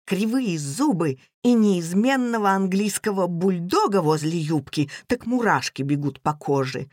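A woman's voice: medium pitch, darkish tone, no echo, clean studio sound. A woman reading the lines of a gloomy, complaining middle-aged husband in a storybook. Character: grumbling middle-aged husband, turning forty.

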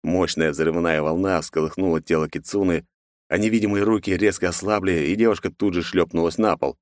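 Deep-voiced male audiobook narrator. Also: fairly even intonation, a little fast, no room sound, studio quality.

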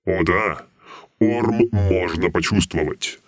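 A man's voice: sits low, slow, a crowd in the background. A grave shadow king. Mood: stern. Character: shadow king homunculus, gloomy stern old male. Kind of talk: audiobook role.

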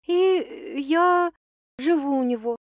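A woman voicing a brisk cheerful young woman. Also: sits high, no room sound, studio quality, pitched above the performer's own voice. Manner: brisk, upbeat, a little evasive.

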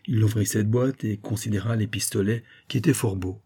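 A man reading a classic novel aloud as an audiobook narrator, in a measured, even storytelling manner. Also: lowish voice, husky. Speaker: audiobook reader.

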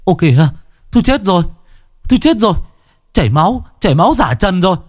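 A man's voice: high-pitched, sing-song, fairly quick, pitched above the performer's own voice. A man voicing a panicked village man who cries out in alarm. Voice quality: shouting in alarm.

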